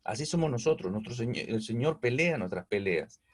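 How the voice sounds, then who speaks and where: A man with a Peruvian Spanish accent giving a Bible teaching as a preacher, explaining slowly, stopping often on fillers and checking in with "¿no?" and "¿ya?". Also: mid-range voice, expressive.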